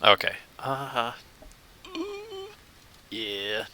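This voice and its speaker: A man's voice: on the low side, steady tone, extremely slow, sharp tone, a little hiss or hum. A man casually talking through his gameplay as a channel host, thinking aloud and chuckling now and then. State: hiccups. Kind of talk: casual let's-play commentary.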